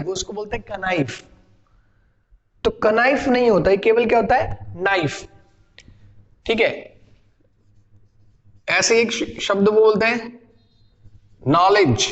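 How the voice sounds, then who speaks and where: Male language teacher, high voice, patient classroom delivery with self-answered questions, muffled reverberant recording. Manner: explains patiently, asks and answers his own questions. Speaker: spoken English teacher. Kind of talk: classroom lesson.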